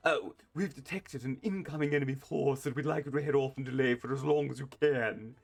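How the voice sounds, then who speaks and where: A man reading out a mission briefing in a deliberately bad put-on accent, playing a stern male officer in mock-serious tones. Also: fairly low pitch, pushed and bright, pitched below the performer's own voice, heavily acted.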